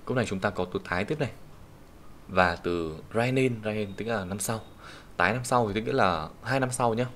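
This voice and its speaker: A man with a Vietnamese accent teaching Japanese kanji in an online lesson, patiently explaining each reading and saying the Japanese example sentences slowly. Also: lowish voice, fairly bright tone. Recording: faint background hiss and keyboard typing.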